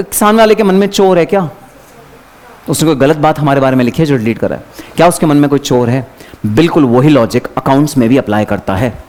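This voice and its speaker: A man teaching an exam revision lecture, chatty and lively, talking straight to his students. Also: high voice. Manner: lively, chatty, addresses students by name, mixes English terms.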